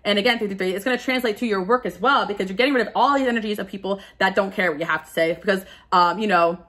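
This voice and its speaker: A woman rattles off a casual tarot reading at a brisk clip, her voice bright and sharp. She speaks candidly and confessionally about her own life between the cards, tripping over words and restarting sentences as she goes. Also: medium pitch. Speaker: tarot card reader.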